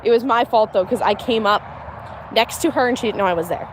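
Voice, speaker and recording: A homestead livestreamer from Pennsylvania, USA, chats casually and candidly while doing chores with her cows outdoors, laughing often. She has a slight Pennsylvania accent mixed with general American, a fairly high voice and a quick pace, with faint outdoor noise in the recording.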